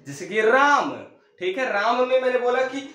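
A man's voice: extremely high pitch, lively intonation, normal speed, bright, forceful tone. A male teacher giving an exam-prep grammar lesson, repeating key points and drilling listeners, often calling them "my friend". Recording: very echoey room.

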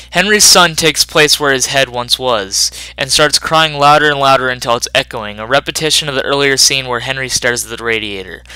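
A man reading a scripted voice-over analysis of a film in a measured, explanatory way. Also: medium pitch, sharp tone, clear, resonant tone, dry recording, rough recording.

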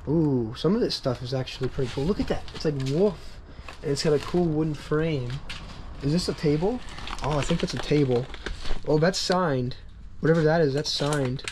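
Young man, excitable, losing his voice, squeaky, slightly high pitch, faint background hum. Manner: excitable, quick exclamations. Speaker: online reseller, channel host. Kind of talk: casual vlog narration. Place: storage unit, indoors.

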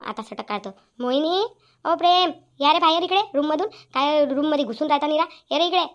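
A sharp-tongued older mother-in-law from a cartoon, scolding at a breakneck pace in a high voice, as a woman puts her on. She fires accusing question after question and never lets up. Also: steady tone, very fast, muffled recording, lightly acted. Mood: angry. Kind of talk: cartoon voice acting.

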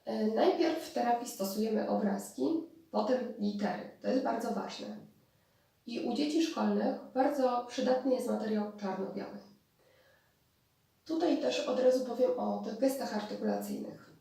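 Brief: woman therapist lecturing, a bit high and gravelly, recorded far off in a roomy hall. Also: normal speed, dark tone. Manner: explanatory, with restarts and hesitations. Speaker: speech therapist. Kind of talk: spoken lecture on therapy methods. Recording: distant mic in very echoey room.

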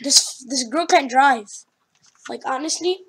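A young woman hosting a gaming video, chatting casually and exclaiming loudly with lots of slang while she plays. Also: sits high, unhurried, a little hiss or hum. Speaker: gaming channel host. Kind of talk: excited casual gameplay chat.

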